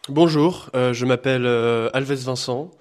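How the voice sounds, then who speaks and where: Hesitant and full of filler pauses, a young adult student from France talks as a guest during a radio studio interview. His voice sits in the mid range.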